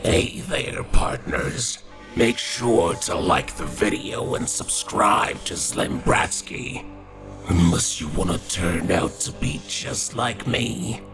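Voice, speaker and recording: A man voicing an undead skeleton cowboy from a video game, with a gravelly, croaky, menacing drawl and a grim, folksy temper. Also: low-pitched, slow pace, music in the background, heavily acted. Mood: folksy, ominous. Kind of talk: video game character acting.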